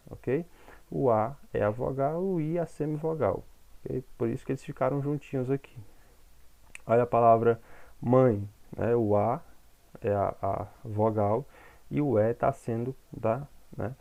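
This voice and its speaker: A man's voice: mid-range voice, moderate pace, creaky, warm tone, muffled recording. A man teaching a grammar lesson, explaining step by step and checking in with the class.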